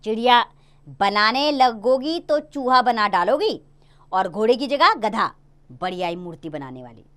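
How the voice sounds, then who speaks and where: A stern, scolding village father with a cough and a sharp, bright edge to his voice, put on by a woman reading a class play aloud. He is insistent and loud, with a lively, high-pitched delivery. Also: unhurried.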